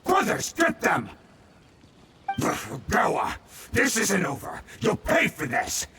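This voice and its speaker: Blustering bandit thug. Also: male voice, high voice, huge pitch swings, slow, roomy sound, distant mic, a little hiss or hum, heavily acted. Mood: threatening. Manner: threatening, shouting and mocking. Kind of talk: game voice acting.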